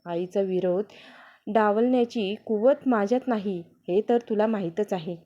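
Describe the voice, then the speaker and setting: A woman's voice: mid-range voice, unhurried, dark tone, lightly acted. A woman voicing a playful, affectionate young husband in a read-aloud family story, on a dull lo-fi recording. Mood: tender. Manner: teasing, affectionate.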